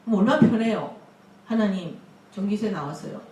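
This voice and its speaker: A woman pastor preaching a lively sermon, laughing often and acting out quotes. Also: mid-range voice, a little fast, slight background noise. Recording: echoey room, mic at a distance.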